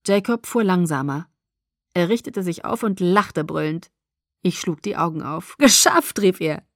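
A woman reading a first-person audiobook in a calm, even storytelling manner. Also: on the low side, measured pace, no echo, clean studio sound. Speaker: audiobook narrator.

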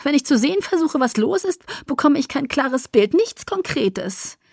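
Woman doing a high, uneasy young vampire seer. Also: very animated, normal speed, vocal fry, a little mellow, no room sound, studio quality, heavily acted. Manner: high, worried. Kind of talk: audiobook reading.

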